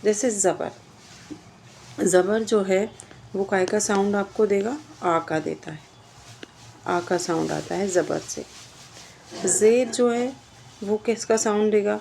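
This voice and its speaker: A woman teaching a grammar class to students, with a gravelly, fry-tinged voice. She explains each point step by step and keeps asking questions that she answers herself. Faint background noise sits under her voice. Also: medium pitch, pauses often, darkish tone. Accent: Indian Urdu. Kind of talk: grammar lesson.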